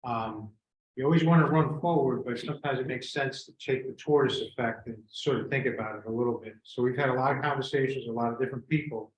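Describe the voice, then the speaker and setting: A man talks quickly in a mid-range voice, presenting and explaining a plan informally at a board meeting. The meeting room sounds echoey, with noise in the background.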